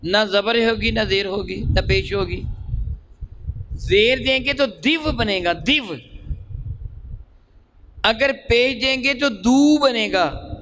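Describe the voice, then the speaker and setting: A man teaching Quran reading in a lesson, stretching sounds out slowly as he demonstrates them and quizzing his listeners. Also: very high voice, fairly bright tone, a little hiss or hum, low-quality recording.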